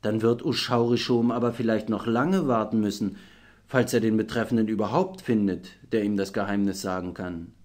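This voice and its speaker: A man voicing a kindly, thoughtful engine driver in an audiobook, calm and reassuring. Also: mid-range voice, normal speed, pitched above the performer's own voice, natural voice. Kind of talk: audiobook character voice.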